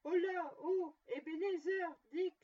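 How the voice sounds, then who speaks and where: A woman voicing a jovial, booming old male merchant who calls out cheerful commands. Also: fairly even intonation, moderate pace, close to an everyday voice. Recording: dull distant lo-fi recording.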